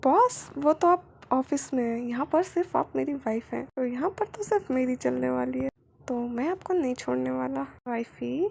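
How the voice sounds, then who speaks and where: Brief: woman voicing a teasing, possessive husband, insistent, gravelly. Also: sits high, lively intonation, normal speed, a little mellow, slight background noise, full character voice. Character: possessive, teasing adult man. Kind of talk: reading a fan story aloud.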